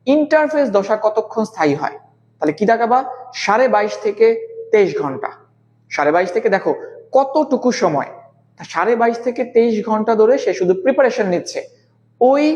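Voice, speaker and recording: A man leads a live online biology class, deliberately slow, repeating the key terms and putting questions to his students. The voice is high-pitched and darkish, and the recording sounds muffled.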